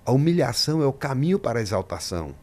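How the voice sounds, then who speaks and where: A man's voice: medium pitch, big pitch swings, racing, a little mellow. A man, a pastor, talking in a podcast interview, preaching-style and emphatic, acting out the voices in his stories.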